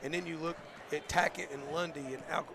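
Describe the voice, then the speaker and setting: Brief: hoarse, gravelly-voiced coach, mid-high pitch, halting postgame chat, crowd noise in the gym. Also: male voice, steady tone. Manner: thoughtful, halting, many fillers and restarts. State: losing his voice. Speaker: basketball coach. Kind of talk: postgame interview.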